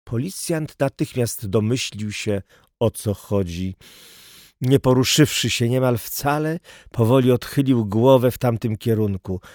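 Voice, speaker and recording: A man narrating a story in a measured, storytelling way. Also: medium pitch, darkish tone, dry recording, clean studio sound. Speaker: audiobook narrator. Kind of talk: scripted narration.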